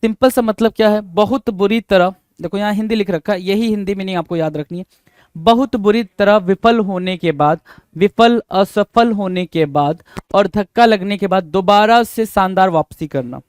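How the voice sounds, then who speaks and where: A man with a high, smooth and resonant voice teaches English idioms for an exam-prep lesson. He switches between Hindi and English and drills each phrase slowly. The sound is dry and close. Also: dry recording. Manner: asks rhetorical questions to students.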